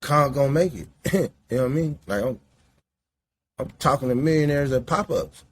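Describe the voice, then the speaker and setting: There's a husky quality to this man's mid-range voice, and his intonation is lively while his pace stays moderate. He's a late-forties podcaster from the Midwest, smoking indoors through a loose, cursing, meandering monologue.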